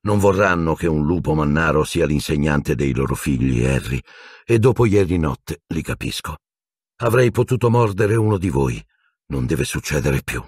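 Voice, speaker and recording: A man voicing a gentle, weary middle-aged teacher who speaks softly and sighs with resignation. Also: extremely low pitch, lively intonation, normal speed, breathy edge, no echo, studio quality, full character voice. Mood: resigned, weary. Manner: soft, sighing, resigned.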